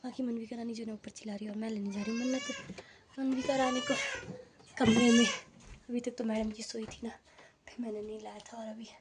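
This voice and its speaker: A young woman talking straight to her viewers from home in a chatty, rambling way. Her voice sits a little high, and she records on a handheld phone. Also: darkish tone, a little hiss or hum. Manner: high sing-song baby talk to her child. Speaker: vlogger. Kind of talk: casual vlog chat.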